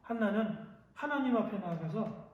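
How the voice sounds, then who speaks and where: A male pastor giving a children's sermon, telling a story with lively questions to the listeners. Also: high-pitched, moderate pace, narrow, tinny audio. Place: church hall. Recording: echoey hall, from a distance.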